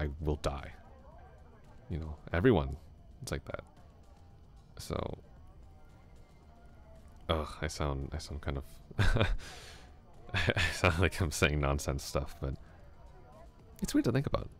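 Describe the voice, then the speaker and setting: In an ASMR roleplay, a man with an extremely deep, low, exaggerated voice plays a chatty young male classmate who rambles softly and thoughtfully, musing aloud to the listener with small chuckles. His intonation is lively, he takes it slowly with long pauses, and faint music plays behind him.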